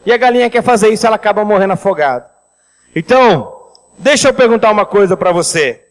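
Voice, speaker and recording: A man preaching a seminar on finances, lively and speaking directly to the congregation. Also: sits high, fast, in a large hall, rough recording. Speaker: pastor leading a finance seminar. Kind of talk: sermon with storytelling.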